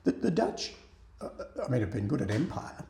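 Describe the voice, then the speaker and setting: A man's voice: medium pitch, big pitch swings, normal speed, vocal fry, warm tone, roomy sound. A man hosting an interview, chatty and genial, often repeating words as he asks questions. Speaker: radio show host.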